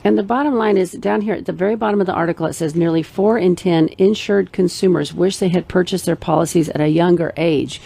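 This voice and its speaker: A woman's voice: lowish voice, fast, vocal fry, few pauses, dark tone. A middle-aged woman co-hosting a radio show, chatting in a rambling, emphatic way. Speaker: radio show co-host, financial planner. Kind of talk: casual radio chat.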